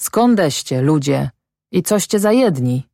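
Female reader doing a gruff kindly peasant man, folksy talk. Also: low voice, big pitch swings, a little slow, warm tone, no room sound, studio quality, heavily acted. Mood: curious. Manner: plain folksy peasant speech. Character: middle-aged peasant man, gruff but kind.

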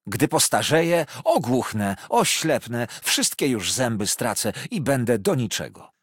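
A fiery, devoted old servant woman, put on by a male reader in a storybook. She bursts out with raised, emphatic, indignant exclamations over a lively, swooping pitch. The voice is slightly husky and close to the mic in a dry room. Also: a little slow, dry recording.

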